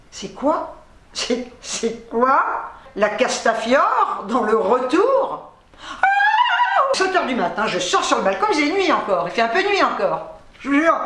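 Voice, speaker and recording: A woman vlogger chatting casually to camera, swearing freely as she tells animated stories. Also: high voice, echoey room.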